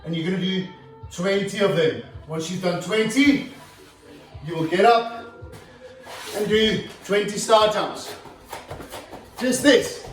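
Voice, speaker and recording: Soft music plays behind a high-voiced trainer who talks slowly and pauses often while leading a home leg workout. He instructs as he demonstrates each move, occasionally breathless, his voice distant and echoing in the room.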